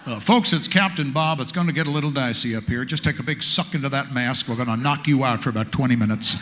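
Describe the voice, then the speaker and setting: Male comic putting on a calm pilot's intercom voice, bright tone, echoey hall. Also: medium pitch, a little hiss or hum, pitched below the performer's own voice, natural voice. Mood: mock-reassuring. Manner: deadpan, unhurried pilot announcement. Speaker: comedian. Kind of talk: stand-up comedy.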